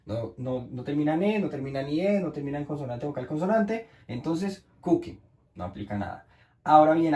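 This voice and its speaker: Man, teacher, patient, repeats himself, slow delivery, echoey room. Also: on the high side, mellow. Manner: patient, repeats rules, checks with "¿sí?". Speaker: English teacher. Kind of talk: explaining grammar to Spanish speakers.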